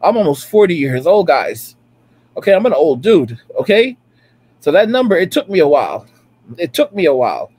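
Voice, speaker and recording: A man's voice: fairly high pitch, big pitch swings, moderate pace, darkish tone, husky. A man in his late thirties giving a preachy, repetitive rant as a reaction streamer, reacting to clips from home. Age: late 30s. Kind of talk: ranting commentary over clips.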